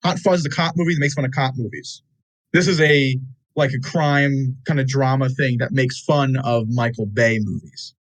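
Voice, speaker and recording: A man's voice: mid-range voice, steady tone, normal speed, no room sound, low-quality recording. A young man co-hosting a casual movie podcast, opinionated and rambling, restarting his sentences. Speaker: podcast co-host.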